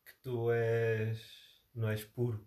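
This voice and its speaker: A man's voice: mid-range voice, monotone, slow pace, warm tone. A young man chatting casually with friends and telling anecdotes in an informal way. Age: young adult. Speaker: participant in a group chat.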